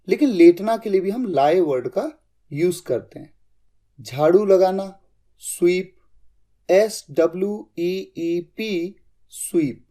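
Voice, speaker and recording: A man's voice: sits high, warm tone. A man teaching English vocabulary in a lesson, spelling out each word letter by letter.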